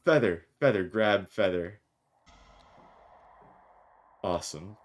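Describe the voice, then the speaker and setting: Male game streamer, low and unhurried, joking while he reads in-game lines aloud. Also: lively intonation. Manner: jokey, rambling, reads lines with small voices. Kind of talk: let's play commentary, reading game dialogue aloud.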